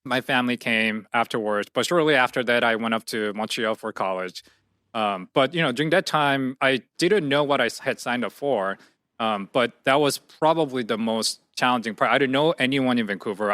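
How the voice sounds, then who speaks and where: Bright-voiced man. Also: medium pitch, a little fast, no room sound, studio quality. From South Korea. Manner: thoughtful, many fillers and restarts. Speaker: guest, entrepreneur. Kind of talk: casual interview.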